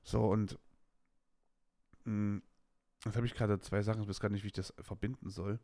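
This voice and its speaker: Talking flatly at a moderate pace, a late-twenties man hosts a podcast, his low, dark voice captured in a clean studio with no room sound. The casual personal monologue is open and rambling, full of slang and restarts.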